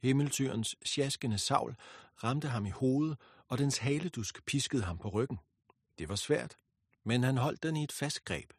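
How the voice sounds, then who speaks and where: A man narrating a myth as a storybook reading, in a steady, expressive way. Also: medium pitch, breathy edge, dry recording, clean studio sound.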